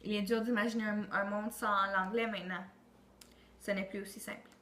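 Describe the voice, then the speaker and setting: A woman's voice: mid-range voice, level tone, a little fast, pushed and bright. A woman reciting an earnest, declamatory monologue for a school project, with frequent restarts. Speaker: student. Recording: roomy echo with faint ambient noise.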